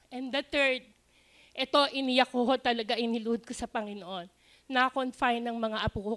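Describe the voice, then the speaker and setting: A woman's voice: high-pitched, a bit bright. An older woman with a Filipino accent, giving an earnest church testimony with English phrases mixed in. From Philippines.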